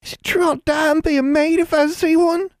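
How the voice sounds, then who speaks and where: A man's voice: very high-pitched, steady tone, a little fast, dry recording, studio quality, voice pushed up. A frightened small boy.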